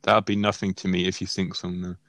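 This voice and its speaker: British teen boy, low voice, mocking crude banter on a voice call, dry close sound. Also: little pitch movement, brisk, a bit bright, no room sound. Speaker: friend on a voice call. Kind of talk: casual chat. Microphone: online voice call.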